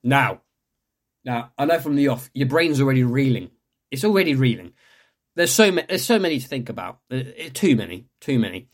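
A man's voice: medium pitch, animated, brisk. A young man hosting a podcast, chatting casually and reading local news with lots of fillers and restarts. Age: young adult. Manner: rambling, chatty, self-correcting with many fillers. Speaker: podcast host.

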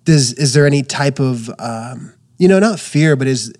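Brief: male podcast host, mid-pitched voice, friendly but meandering questions. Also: expressive, normal speed, darkish tone. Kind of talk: casual interview.

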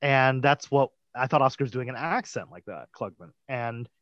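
A man co-hosting a podcast in casual chat, animated, laughing now and then and acting out what he once thought. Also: mid-range voice, moderate pace, no echo. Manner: animated, laughs, acts out quotes. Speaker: podcast co-host. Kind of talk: casual chat about a TV episode. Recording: dull lo-fi dry sound.

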